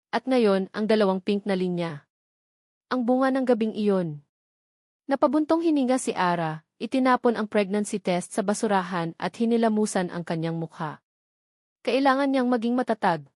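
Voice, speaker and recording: In a dry, studio-quality recording, a woman with a Filipino accent narrates a scripted story in a dramatic audiobook style, her medium-pitched voice slightly mellow.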